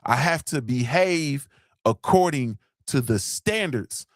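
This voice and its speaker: A man's voice: mid-range voice, animated, slow pace, no echo, studio quality. A man hosting a morning show, giving fired-up motivational talk and repeating lines for emphasis. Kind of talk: motivational live-stream talk.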